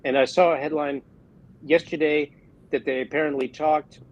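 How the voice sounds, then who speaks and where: A man arguing his point briskly on an opinion panel, often restarting his phrases. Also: on the high side, fairly even intonation, lo-fi sound. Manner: brisk, argumentative, trailing restarts. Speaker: opinion columnist. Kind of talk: panel discussion.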